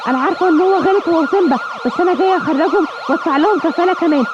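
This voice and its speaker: A woman with an Egyptian accent voicing a gentle mother lioness, coaxing and motherly. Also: very high voice, very fast, music in the background. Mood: pleading. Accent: Egyptian Arabic. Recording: dull lo-fi, clear background noise.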